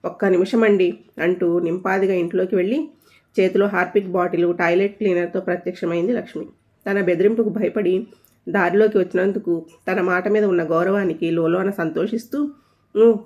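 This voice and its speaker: Woman storyteller, playful narration, mellow dark tone, dull lo-fi audio. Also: fairly low pitch.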